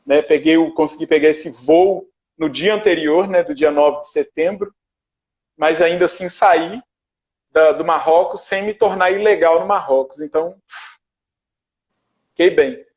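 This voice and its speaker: A man with a rather high voice telling a travel story in a relaxed, animated way, acting out the people he met. The sound is muffled and lo-fi, like a video call. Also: unhurried. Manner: animated storyteller, acts out dialogue. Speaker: guest. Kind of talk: casual storytelling. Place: his shared house.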